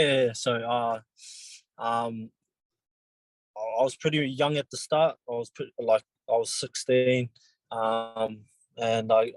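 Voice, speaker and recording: In a poor-quality, dry recording, a young New Zealander in his twenties who plays rugby league fields interview questions. He has a mid-range voice and answers in a casual, halting way, pausing and starting over a lot.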